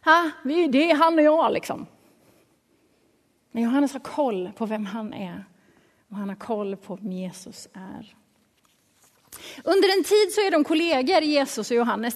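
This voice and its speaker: Lively woman preacher in an echoing hall. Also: high-pitched. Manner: lively, colloquial, dropping to soft hushed passages. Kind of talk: sermon. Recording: long reverb of a large hall.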